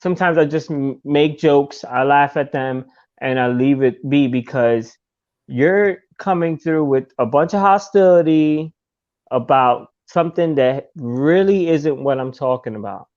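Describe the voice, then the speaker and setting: A man chatting casually on a podcast, his voice sitting a little higher than most men's. He gets animated and slips into squeaky put-on voices to play out his own thoughts. The audio is dull and lo-fi. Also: unhurried. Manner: animated, acts out his own inner voice in high squeaky tones. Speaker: podcast guest. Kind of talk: casual conversation.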